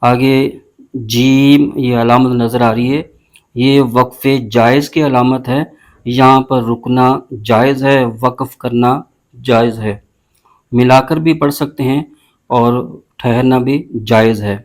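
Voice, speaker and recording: A man teaching a recitation lesson, explaining pronunciation rules and spelling out syllables slowly and deliberately. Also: medium pitch, steady tone. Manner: slow, drawn-out spelling of syllables between brisk explanations. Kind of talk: word-by-word tajweed lesson.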